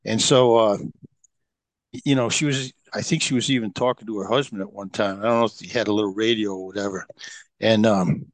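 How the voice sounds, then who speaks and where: A middle-aged man's lowish, steady voice comes through a dry recording, a little fast. As a podcast guest, he tells long stories casually and rambles, with lots of fillers and restarts along the way.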